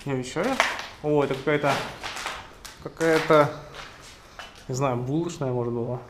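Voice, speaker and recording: A man's voice: mid-range voice, moderate pace. Casual young man on a noisy camera. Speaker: urban exploration vlogger. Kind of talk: casual off-the-cuff commentary while walking. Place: abandoned concrete buildings and rooftop. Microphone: action camera carried while walking. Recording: noisy action camera, clicks and handling.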